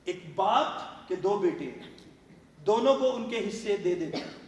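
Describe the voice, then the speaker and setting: A male pastor preaching a fervent sermon. He keeps asking the congregation questions and suddenly shouts certain words for emphasis. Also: high voice, lively intonation. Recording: echoey hall, voice far from the mic.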